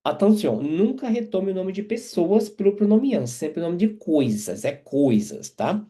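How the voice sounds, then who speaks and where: Male French teacher, slightly high, mellow tone, patient explainer who keeps checking understanding. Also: very animated. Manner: repeats and checks in with quick tags. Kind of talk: explaining grammar with example sentences.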